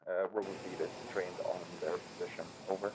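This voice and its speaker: A man's voice: sits low, flat delivery, fairly quick, heavy background noise. A man talking over a walkie talkie as a drone operator in a military game, using radio procedure and hesitant fillers. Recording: dull lo-fi radio sound.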